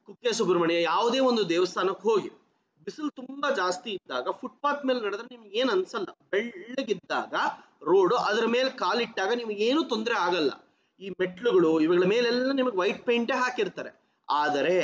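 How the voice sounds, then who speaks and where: Guy lecturing a class, high animated voice, keeps asking then answering his own questions, bit dull lo-fi sound. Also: slight background noise. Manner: asks questions and answers them himself; mixes English terms into his talk. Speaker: teacher. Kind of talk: geography lecture for exam students.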